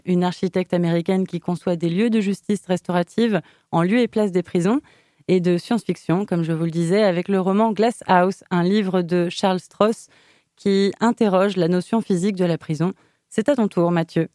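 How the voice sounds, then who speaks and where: A radio show host with a mid-pitched, mellow voice makes friendly introductions and hands off smoothly between segments. The sound is dry. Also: no room sound.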